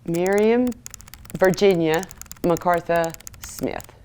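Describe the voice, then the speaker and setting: A woman's voice: fairly low pitch, slow, a little mellow, slight background noise. An older woman, interviewed for a news feature, fond and amused as she talks and reads. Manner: laughs often, fond and amused. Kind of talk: interview and reading.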